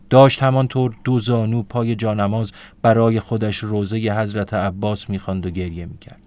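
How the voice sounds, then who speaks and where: A young adult man reading a literary story aloud in a calm, soft-spoken and reflective manner. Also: medium pitch. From Iran. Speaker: narrator.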